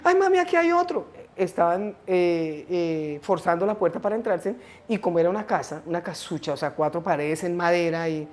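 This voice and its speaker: Brief: middle-aged woman, slightly low voice, halting storyteller in a family chat. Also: fairly even intonation, darkish tone. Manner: hesitant, halting storytelling with restarts. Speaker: interviewee, mother of the host. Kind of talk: family conversation, recounting memories.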